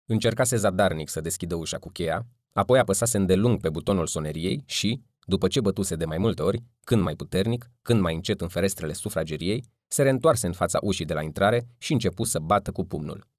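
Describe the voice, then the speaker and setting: A man narrating an audiobook in steady, even storytelling. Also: low voice, dry recording, studio quality. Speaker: audiobook reader. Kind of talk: scripted narration.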